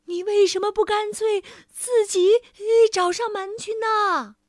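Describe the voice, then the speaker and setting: A woman's voice: extremely high pitch, steady tone, a little slow, no room sound, clean studio sound, pitched above the performer's own voice. Woman doing a stammering timid king. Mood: nervous. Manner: stammering, nervous. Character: fat, timid old king who stammers.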